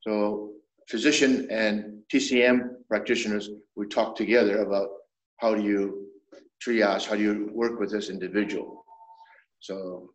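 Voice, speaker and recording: A man in his seventies, a traditional medicine doctor, explaining things in a measured way as an interview guest, often restarting his sentences. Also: on the low side, fairly even intonation, dull audio. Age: 70s. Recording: roomy echo.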